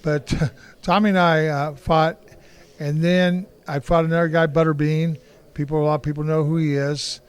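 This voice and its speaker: A man's voice: on the high side, level tone, moderate pace, clear, resonant tone. A man in his sixties from Kansas City, a martial artist telling his life story in an interview, blunt and rambling with frequent restarts. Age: 60s.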